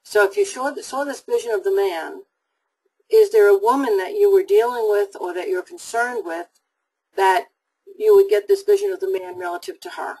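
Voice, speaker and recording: A woman hosts a live psychic call-in show, her voice gravelly with a husky edge. She talks in an upbeat, reassuring way, her pitch rising and falling a lot as she answers callers. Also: very animated, normal speed, warm tone, rough recording. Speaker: psychic host of a live webinar.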